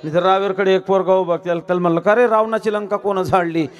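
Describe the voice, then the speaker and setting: A man's voice: high voice, fairly even intonation, quick pace. A man with a Marathi accent giving a comic devotional kirtan, joking with and quizzing the audience and breaking into song. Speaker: kirtan preacher. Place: live stage before a crowd. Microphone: stage microphone. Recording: live crowd and accompanying music. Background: crowd laughter and music.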